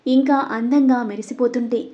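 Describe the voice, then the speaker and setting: A woman reading an audio story aloud, voicing every character's lines in her own voice and getting louder for the dialogue. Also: on the high side, steady tone, moderate pace, muffled recording. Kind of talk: scripted audio story narration.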